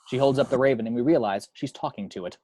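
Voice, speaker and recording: A man with a mid-range voice reads screenplay action lines and scene headings quickly, serving as narrator for a table read at home. The recording is dry and close, though the background is noisy.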